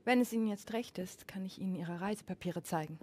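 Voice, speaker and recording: A woman's voice: medium pitch, quick pace, darkish tone, a little hiss or hum, close to an everyday voice. An actress playing an undercover female spy, speaking politely and with guarded composure.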